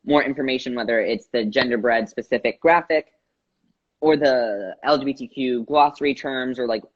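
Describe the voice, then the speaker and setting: Energetic young nonbinary educator on a call. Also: medium pitch, moderate pace, highs cut off. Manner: energetic, explanatory, laughs often. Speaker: co-host and educator. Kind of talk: casual conversation.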